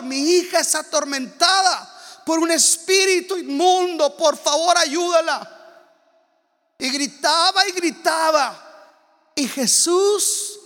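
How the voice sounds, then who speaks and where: Male preacher, bright, piercing tone, impassioned sermon delivery. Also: extremely high pitch, in a large hall. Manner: impassioned, shouting exhortations, swinging from loud to hushed.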